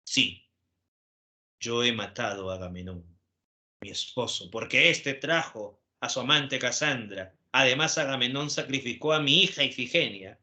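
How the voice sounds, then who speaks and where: A male teacher voicing a defiant queen confessing a killing, in a calm, lowered voice. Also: normal speed.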